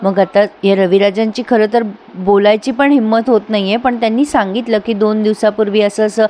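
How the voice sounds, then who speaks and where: A woman narrating a TV serial recap in voice-over. Her delivery is expressive and exclamatory. Her voice sits at a middle pitch. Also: brisk, a little hiss or hum. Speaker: TV serial reviewer.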